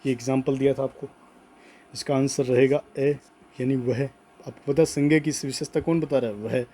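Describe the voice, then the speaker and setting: A man teaching a grammar class, slowly dictating notes and repeating key words, often checking in with "okay". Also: mid-range voice, fairly even intonation, warm tone, breathy edge. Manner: slow emphatic dictation, repeats words, frequent "ठीक है".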